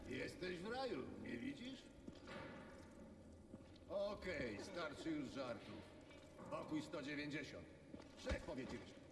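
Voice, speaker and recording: A man's voice: on the high side, sing-song, slow, gravelly, long pauses, roomy sound, noisy background, full character voice. An actor playing a brusque, mocking male survivor in a video game, heard as distant game audio. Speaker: game character.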